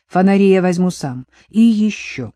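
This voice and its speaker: A woman's voice: mid-range voice, expressive, normal speed, dark tone, no echo, studio quality, lightly acted. A woman reading the part of a cautious, practical grown man who explains things earnestly.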